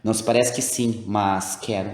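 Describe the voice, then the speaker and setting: A man's voice: on the low side, steady tone, moderate pace, roomy sound, close to an everyday voice. A man reading the part of a proud, anguished queen, in grand, old-fashioned formal speech. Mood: solemn.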